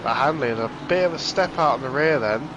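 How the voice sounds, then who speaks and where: A man's voice: medium pitch, quick pace, dull audio. A man co-commentating on a motor race, reacting to moves and analysing them live. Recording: noticeable background noise, vehicle sounds.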